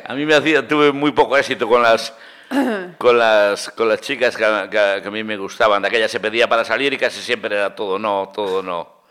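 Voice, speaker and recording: A man's voice: lowish voice, brisk, a bit bright. A man, a radio guest telling jokey stories in casual chat, with hesitant restarts. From Pontevedra, Galicia, Spain. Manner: joking storyteller, hesitant restarts. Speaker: radio guest, retired teacher.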